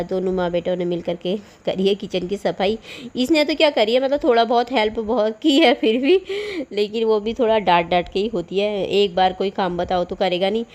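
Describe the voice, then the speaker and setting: A middle-aged mother narrates her home video in a loose, chatty voice-over, laughing now and then. A cold has left her with a sore throat. Her pitch sits in a plain middle range. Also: a little mellow. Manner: chatty and rambling, often laughing. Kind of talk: casual voice-over chat about housework.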